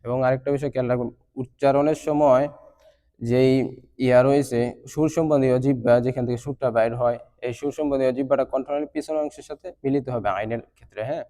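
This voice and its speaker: A Bengali-speaking man teaching Arabic letter pronunciation, drilling syllables slowly and chanting recitation. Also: mid-range voice, steady tone, dark tone, in a large hall.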